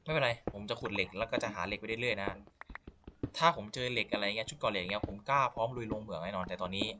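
A man's voice: lowish voice, racing, background noise. A man giving casual, profane, self-mocking commentary as he plays a game. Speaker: gameplay commentator. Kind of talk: casual let's-play commentary.

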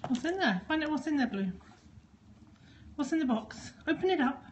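A woman's voice: high-pitched, very animated, normal speed, a little hiss or hum. A woman chatting to her dogs in a sing-song, coaxing way as she unboxes a parcel at home. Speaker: dog owner filming an unboxing. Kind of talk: casual talk to her dogs while unboxing.

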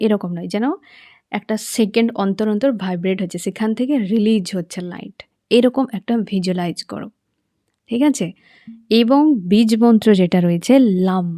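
A woman's voice: medium pitch, mellow, no room sound, studio quality. A woman teaching chakra meditation, explaining patiently and checking that listeners follow. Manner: patient, repeats and checks understanding. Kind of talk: guided meditation instruction.

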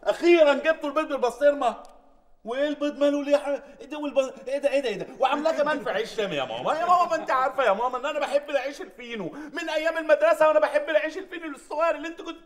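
An actor playing a short-tempered middle-aged man with an Egyptian accent, grumbling and shouting at his family and his helper. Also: very high-pitched, racing. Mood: irritable. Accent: Egyptian Arabic. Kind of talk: sitcom acting.

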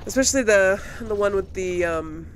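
A gaming video host does casual let's play commentary, chatting and thinking aloud as she plays. Her voice is medium in pitch at a moderate pace, competing with loud fantasy video game sound behind her.

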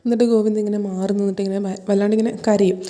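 Woman recap host, quick, even delivery, mellow dark tone, 'and then' storytelling. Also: mid-range voice. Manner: rapid storytelling strung together with repeated 'and then'. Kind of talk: casual retelling of a TV serial episode.

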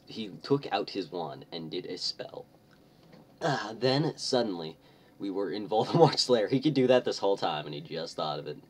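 Very deep-voiced man doing a comic reading. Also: recorded from a distance. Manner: joking, stumbling, chuckling asides. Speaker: online reader, channel host.

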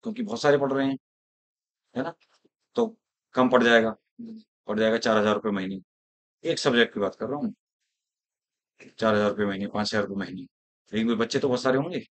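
A man's voice: fairly low pitch, expressive, brisk, long pauses. A male teacher giving a classroom lecture, talking in a rhetorical way and often checking whether his students follow him.

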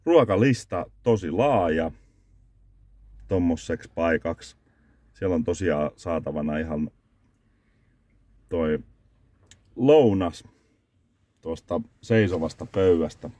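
A very low-pitched man talks to a phone camera from inside a parked car. He rambles through a food review, correcting himself and giving scores out of five. The sound is dry and close. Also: animated, long pauses, dark tone, dry recording. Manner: rambling, self-correcting, scoring dishes out of five. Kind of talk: casual review vlog. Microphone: phone camera on the dashboard.

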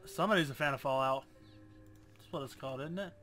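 A man's voice: mid-range voice, fast talker, sharp tone, faint music behind. A young man casually commenting on a game he plays, sarcastic and jokey, with a lot of swearing. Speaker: gamer. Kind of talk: casual let's-play commentary.

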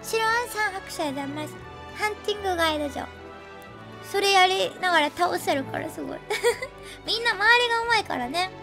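High-pitched woman gamer streaming, chatty, stuffy nose from a cold, game music behind. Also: lively intonation, fast talker. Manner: chatty, laughs often, thanks viewers. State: nasal from a cold. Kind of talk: casual live-stream commentary.

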